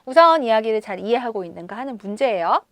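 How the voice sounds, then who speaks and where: A woman teacher explaining a story to schoolchildren, expressive and full of questions to her pupils. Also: fairly high pitch, fast talker, dry recording. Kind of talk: reading-comprehension lesson.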